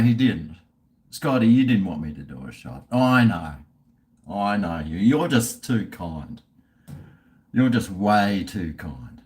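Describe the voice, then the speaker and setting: A middle-aged man, rambling casually on a livestream in a blokey, laid-back, sweary way. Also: medium pitch. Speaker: livestream host. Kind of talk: casual rambling livestream chat while drinking beer.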